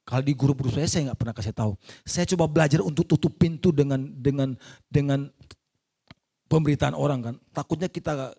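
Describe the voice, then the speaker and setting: A man's voice: mid-range voice, a little fast, warm tone, slightly rough. A middle-aged man, a pastor, telling a personal testimony in a conversational sermon and acting out the voices he quotes.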